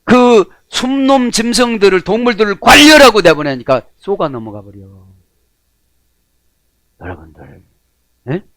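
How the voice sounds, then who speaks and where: Middle-aged male pastor, lively sermon delivery, slightly high voice, close and dry. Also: unhurried, pauses often, dry recording. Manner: animated preaching in a folksy tone, acting out prayers and shouts.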